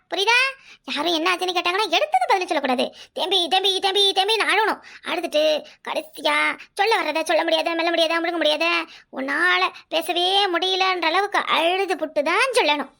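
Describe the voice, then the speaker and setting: A performer doing a crafty old village mother, Kanyakumari Tamil accent, very high squeaky voice, gravelly edge, cartoon. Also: sharp tone, full character voice. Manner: coaxing, bossy, theatrical wailing. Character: scheming older village mother, crafty and bossy. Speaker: cartoon character. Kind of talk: comic cartoon voice acting.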